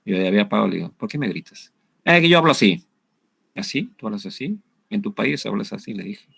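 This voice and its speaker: A man's voice: fairly low pitch, expressive, quick pace, vocal fry, slightly rough, no echo. A man giving a law lecture over slides, in a conversational way that keeps asking "¿no?". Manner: conversational, asks "¿no?" and "¿no es cierto?" often.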